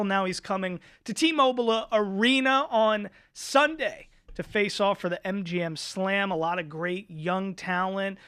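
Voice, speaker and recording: A man's voice: high-pitched, bright, forceful tone, clean tone, no echo. A man hosting a sports talk show from a studio, speaking energetically and with emphasis.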